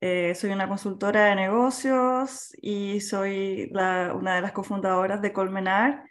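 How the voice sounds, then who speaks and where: A woman from Chile, a business consultant, presenting on a video call in a slow, careful and polite way. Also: medium pitch, fairly even intonation.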